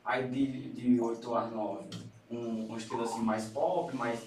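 Um homem convidado de podcast, locutor de rádio, contando histórias num papo descontraído. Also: male voice, mid-range voice, unhurried, far from the mic, a little hiss or hum. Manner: lively anecdotal storytelling. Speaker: podcast guest, radio presenter. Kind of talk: casual storytelling. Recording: echoey room, off-mic, voices behind.

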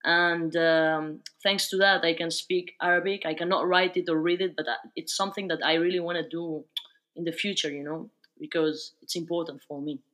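A young woman talks easily as a podcast guest. Her speech is loose and chatty, full of fillers, at a middle pitch. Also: little pitch movement, moderate pace, fairly bright tone. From Spain. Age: young adult. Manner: chatty, fillers like "like" and "you know". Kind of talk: casual interview.

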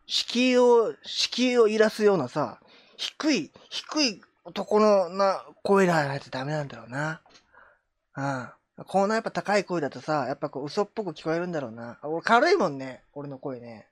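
A woman's voice: on the low side, dry recording. A woman streamer chatting casually with viewers, joking and teasing herself. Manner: joking, self-mocking, reacting to chat. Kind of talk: casual live chat.

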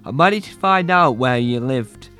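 A man's voice: medium pitch, animated, moderate pace, pushed and bright, faint music behind, voice pushed down. A man voicing an earnest, persistent male talking badger, rambling as he explains himself. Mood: explaining.

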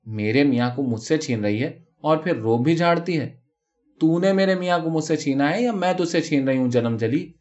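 A man voicing a jealous first wife who scolds and shouts in a storybook reading, on a dull lo-fi recording. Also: mid-range voice, hardly any pauses, close to an everyday voice. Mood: furious. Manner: shouting, quarrelsome.

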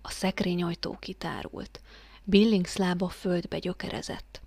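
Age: adult. Sex: woman. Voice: creaky, dry. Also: lowish voice, little pitch movement, dry recording. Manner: hushed, sinking to whispers at tense moments. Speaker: audiobook reader. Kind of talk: dramatic horror story reading.

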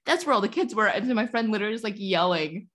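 A woman's voice: mid-range voice, rapid-fire. A woman co-hosting a podcast, chatting casually and acting out bits of her stories in silly voices. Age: adult. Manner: animated storyteller, acts out bits in silly voices. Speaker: podcast co-host. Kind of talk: casual chat.

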